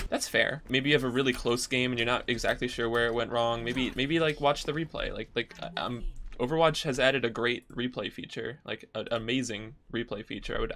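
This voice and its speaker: A man's voice: mid-range voice, fairly bright tone. A young man streaming a game from home on a headset, giving rambling advice full of restarts and fillers. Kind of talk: casual gaming commentary. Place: home room.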